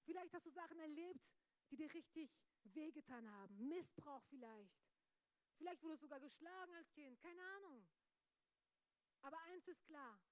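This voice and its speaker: A young woman preaching a lively youth sermon, energetic and joking with the audience, laughing often. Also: sits high, no room sound.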